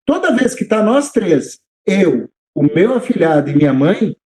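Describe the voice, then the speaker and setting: Lively high-voiced man. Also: measured pace, a crowd in the background. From southern Brazil. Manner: animated, acts out quoted dialogue, repeats words when restarting. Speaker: teacher and podcast guest. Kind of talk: conversational storytelling.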